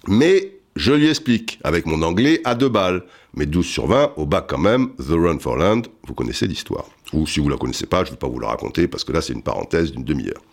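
A man's voice: a bass voice, sing-song, fairly quick, vocal fry, few pauses. A man telling a comic story in a rambling, self-mocking way, full of asides and restarts.

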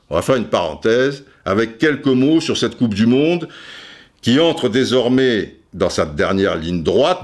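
Man, podcast host, storytelling, animated pitch, playful mimicry. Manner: animated, mimics voices and sounds, self-mocking. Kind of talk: casual storytelling monologue.

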